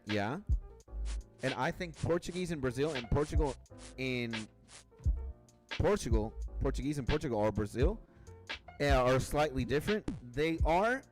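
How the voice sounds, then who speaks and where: A young man from Venezuela with a Venezuelan accent, chatting loosely and rambling while he streams a game. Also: mid-range voice. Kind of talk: casual chat while gaming. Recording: game music playing behind. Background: clear background music.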